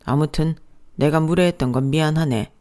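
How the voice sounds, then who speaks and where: A narrator voicing an older, old-fashioned father-in-law who talks bluntly and gruffly, then apologizes. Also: on the high side, normal speed, darkish tone, natural voice.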